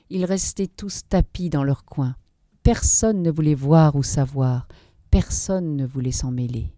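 A woman narrating a dark story in a measured, dramatic reading. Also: low-pitched, no echo, clean studio sound.

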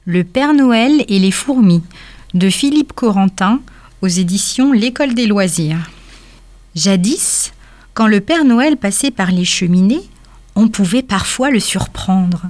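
A woman reading a children's story aloud at a calm, measured pace. Her voice sits at an ordinary middle pitch.

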